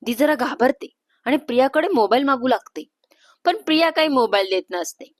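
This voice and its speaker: A woman storyteller reading a family story aloud in a calm, steady narration. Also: high voice, moderate pace, no room sound, clean studio sound.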